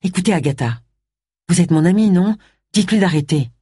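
A woman's voice: lowish voice, animated, brisk, dark tone, breathy edge, dry recording, clean studio sound. Woman voicing an anxious young policeman. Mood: urgent. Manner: pleading, urgent.

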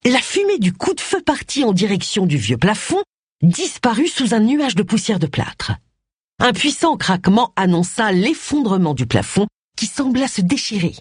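An audiobook narrator reading a mystery in an expressive, dramatic way. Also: mid-range voice, breathy edge, no echo, studio quality. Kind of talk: scripted narration.

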